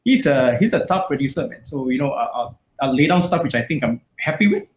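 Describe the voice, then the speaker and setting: This metal musician from Malaysia has a medium-pitched, expressive voice and talks a little quickly. His casual interview answers ramble, packed with fillers and restarts, recorded in an echoey room with faint noise.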